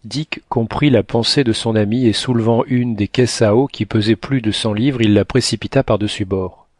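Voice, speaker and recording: A man narrating an adventure novel as a scripted audiobook, reading in a steady, measured way. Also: on the low side, no echo.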